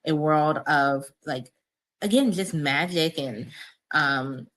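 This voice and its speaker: Low-pitched woman author guest, chatty, lots of ums and laughs. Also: takes it slowly, fairly bright tone. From United States, Cameroonian parents. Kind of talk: casual interview chat.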